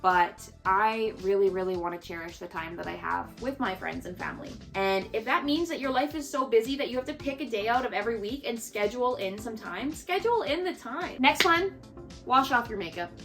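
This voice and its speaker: A woman's voice: on the high side, lively intonation, a little fast, fairly bright tone, faint music behind. A woman in her twenties from Canada, talking earnestly and casually to camera with lots of "like" fillers as she gives life advice. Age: 20s. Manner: chatty and earnest, with frequent "like" fillers. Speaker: lifestyle creator.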